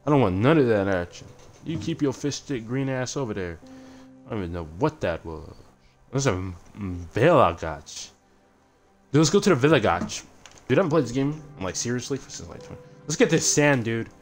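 A man giving crude, joking commentary while playing a game, swearing a lot and breaking into sudden loud yelps between mumbled asides. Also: mid-range voice, expressive, moderate pace, soft background music. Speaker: gamer streamer. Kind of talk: casual gameplay commentary.

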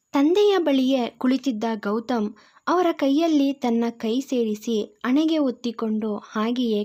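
Woman storyteller, measured audio-story narration; mellow, unhurried, lo-fi. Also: on the high side. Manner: slow, measured reading. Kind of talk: scripted narration of a love story. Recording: dull lo-fi recording.

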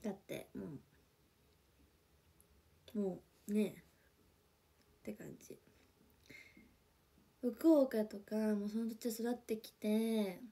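Soft-spoken young woman gushing on a livestream. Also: medium pitch, steady tone, takes it slowly, pauses often, husky. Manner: chatty, gushing, many fillers, drops to whispers. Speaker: idol livestreamer reading viewer comments. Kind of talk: casual livestream chat. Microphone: phone or webcam for a livestream.

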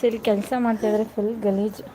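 A woman's voice: mid-range voice, little pitch movement, a little fast. A young woman, filming a casual live vlog on a phone while coaxing a fussing toddler in sing-song baby talk. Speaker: mother vlogging live. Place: outdoors at a house under construction. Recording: loud outdoor noise, animals. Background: child crying, animals, work noise.

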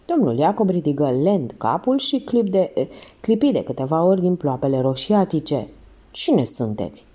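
A woman narrating a detective novel as an audiobook reader, in steady storytelling. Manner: steady storytelling with lively pitch.

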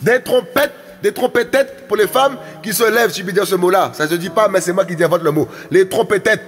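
A man's voice: high voice, fast, in a large hall. A man preaching a fiery sermon, exhorting and repeating words as he urges his listeners on.

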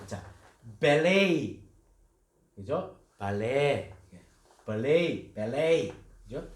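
A man teaching English pronunciation, saying each word slowly and repeating it to demonstrate how it sounds. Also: medium pitch, a little mellow. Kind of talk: dictation and pronunciation lesson. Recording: roomy echo.

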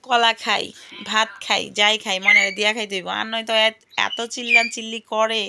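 A woman's voice: on the high side, level tone, a little fast, noisy background. A woman, chatting casually in a home vlog from her garden, often exclaiming aloud and calling out to her pet bird. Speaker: vlogger.

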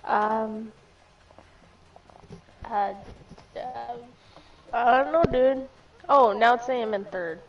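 Woman, high unhurried voice, goofy gamer, lo-fi line. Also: recorded from a distance, a little hiss or hum. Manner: goofy, giggly, says dude a lot. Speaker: gaming partner. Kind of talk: casual gaming chat.

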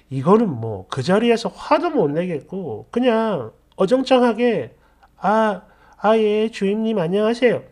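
Woman, story narrator, chatty and indignant, very animated pitch. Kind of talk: first-person story narration.

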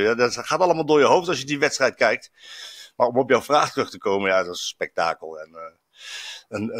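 A man's voice: on the low side, a bit bright, no echo, studio quality. A man, a football journalist reporting from abroad, chatting reflectively with many fillers and restarts. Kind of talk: casual chat. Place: in Stuttgart, on location.

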